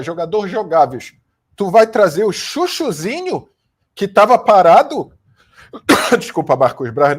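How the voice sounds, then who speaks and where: A man's voice: high-pitched, husky. A man from Brazil, hosting a post-match football rant, blunt and repetitive, with a fan running in his room. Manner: emphatic, repetitive, blunt with mild swearing. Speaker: football commentator, channel host. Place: home room with a fan running, new studio being set up.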